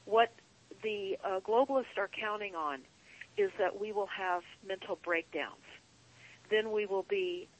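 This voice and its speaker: A woman guest on a call-in show, speaking in an earnest, deliberate, emphatic way, like a paranoid late-night rant with drawn-out phrases. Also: mid-range voice, rough recording. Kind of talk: earnest conspiracy monologue.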